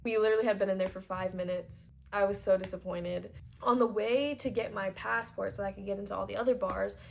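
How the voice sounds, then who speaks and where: A woman in her twenties telling a storytime vlog, chatty and animated, full of fillers, acting out what people said. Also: medium pitch, brisk, gravelly, a little hiss or hum. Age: 20s. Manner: chatty and animated, lots of "like", voices quoted people. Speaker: vlogger. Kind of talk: storytime vlog, casual retelling.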